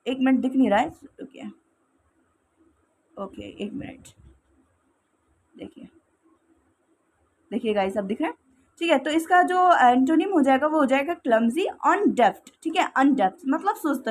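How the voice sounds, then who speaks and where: A woman's voice: high-pitched, animated, a little slow, long pauses, slight background noise. A woman teaching English vocabulary in a casual classroom style, repeating "okay" often and explaining with everyday examples.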